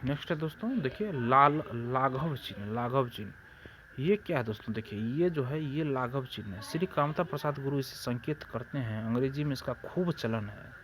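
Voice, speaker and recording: A medium-pitched, slightly bright and expressive male voice with a Bihari Hindi accent leads an exam grammar lesson at moderate speed. He's repetitive, asks and answers his own questions, and keeps addressing friends, with slight background noise.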